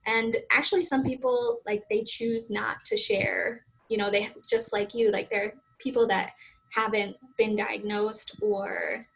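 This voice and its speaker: A fitness coach with a Boston-area accent talks openly and casually as an interview guest, with plenty of fillers. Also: female voice, on the high side, flat delivery, a little slow, creaky, a bit bright, a little hiss or hum, poor audio. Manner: open, chatty, many fillers.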